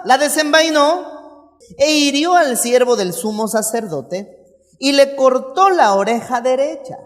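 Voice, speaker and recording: Man, preacher, sermon, vivid storytelling, playful asides, church hall reverb. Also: very high voice. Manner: storytelling with rhetorical questions and playful acted asides.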